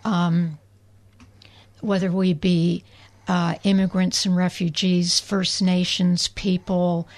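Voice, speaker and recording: A woman, a guest activist on a radio interview, speaking in an earnest, deliberate way. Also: lowish voice, little pitch movement, darkish tone.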